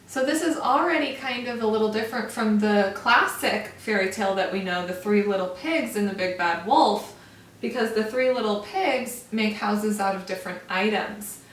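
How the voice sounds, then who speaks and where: A first grade teacher reads a picture book aloud to young children, pausing to explain words, in a mid-range voice at a moderate pace. The mic sits far off in an echoey room, with a little hiss or hum.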